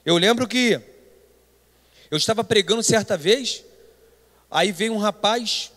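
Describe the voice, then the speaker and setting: A Brazilian pastor preaches a Sunday school sermon in Brazilian Portuguese, delivering it emphatically and often calling his listeners brothers. His high, fairly bright voice is unhurried, and a long hall reverb fills the recording.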